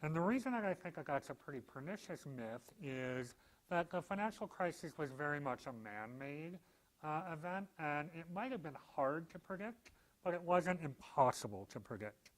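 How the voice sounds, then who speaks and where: A man's voice: a little high, sing-song, moderate pace, poor audio. A male law professor giving a public lecture with dry, self-deprecating humor and frequent "um" and "uh" fillers.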